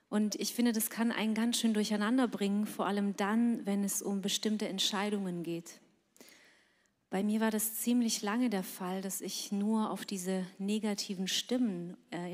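A woman giving a soft, personal spoken reflection and asking the listener questions. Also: mid-range voice. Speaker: singer giving a spoken intro. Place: large event hall. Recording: echoey hall reverb.

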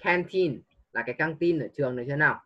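A man's voice: a little high, fast, bright, forceful tone, highs cut off. A man tutoring a young pupil one-on-one online, patiently coaxing answers and mixing English prompts into his teaching.

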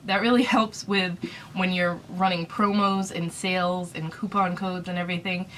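Speaking into a webcam in a small room, this vlogger in her thirties rambles chattily through tips on running a small shop, dropping plenty of fillers. Her voice sits on the low side, slightly bright, with fairly even intonation and a moderate pace, though a recent illness has left her throat dry. The recording is low quality, with a faint hiss or hum.

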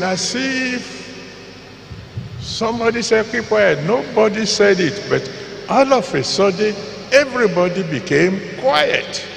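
Male preacher, Nigerian accent, very creaky gravelly voice, slow deliberate sermon phrasing, long hall reverb. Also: high voice. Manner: deliberate, pausing between short phrases, repeating for emphasis. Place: large church auditorium with PA reverb. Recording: reverberant large hall, faint background noise.

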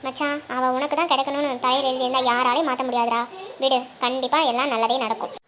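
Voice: sits high, little pitch movement, quick pace, fairly bright tone, muffled recording, a little hiss or hum. A performer voicing a blunt, teasing young male best friend in a comic cartoon, bossy and full of advice. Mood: advising.

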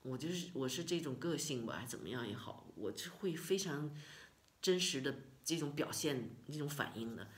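A middle-aged woman from China recounts a personal story in a casual vlog. Her voice sits low, but her intonation swings widely, and she talks expressively, full of sighs and repetitions. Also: animated, moderate pace. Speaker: vlogger.

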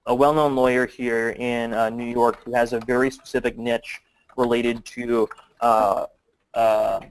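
A man fields questions on a webinar in a loose, unscripted way. He stops and restarts often and fills gaps with "uh" and "um", at a middling pitch. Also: flat delivery, measured pace, slight background noise, rough recording. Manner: hesitant, many fillers and restarts. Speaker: guest marketing expert. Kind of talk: webinar Q&A answers.

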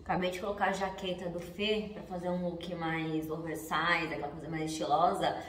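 A woman's voice: on the low side, little pitch movement, a little fast, roomy sound, far from the mic, over loud music. A Brazilian woman chatting through her day in a casual vlog, sometimes cooing at her dogs in baby talk. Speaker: vlogger. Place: home in cold weather, moving between rooms and outdoors. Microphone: phone held or propped nearby.

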